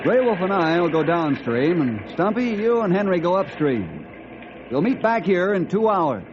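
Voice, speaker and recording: An actor playing an earnest, steady forest ranger hero in an old-time radio adventure, speaking respectfully and clearly. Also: male voice, sits high, moderate pace. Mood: decisive. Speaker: lead ranger. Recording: muffled, noisy old radio recording.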